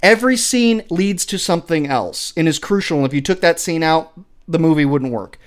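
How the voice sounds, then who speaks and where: A man's voice: fairly high pitch, fairly quick. A man talking casually and enthusiastically about a film script, often stumbling and repeating words as he explains. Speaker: podcast co-host.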